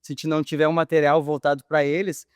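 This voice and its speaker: A man's voice: a little high, little pitch movement, fast talker, smooth, no echo, studio quality. A man, a physical education teacher, answering interview questions in a thoughtful, hesitant way with many fillers.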